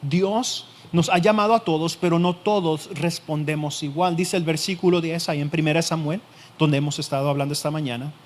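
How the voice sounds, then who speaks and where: A male pastor delivering a sermon, speaking in a voice pitched somewhat high for a man. He addresses the listener directly and returns again and again to the same key phrases. Many sentences start firm and then sink to a soft, hushed finish. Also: steady tone, fairly quick. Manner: emphatic, repeats key phrases, drops to a quiet hush at phrase ends.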